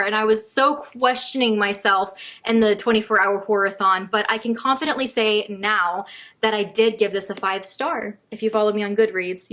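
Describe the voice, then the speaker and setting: A woman's voice: a little high, a bit bright. A young woman chatting casually through a book review vlog, with lots of ums and likes.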